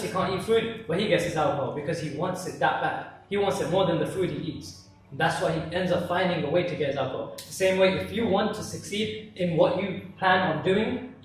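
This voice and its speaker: A young man giving a religious motivational talk, telling stories animatedly and often restarting his sentences. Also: sits high. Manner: animated storyteller with frequent restarts. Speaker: motivational speaker. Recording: very echoey room, voice from far off.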